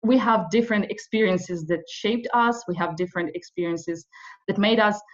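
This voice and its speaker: A young woman in her twenties from western Ukraine leads an online video workshop, speaking hesitantly and filling her talk with many fillers. Her voice is medium-pitched at a moderate pace, and the audio sounds slightly dull.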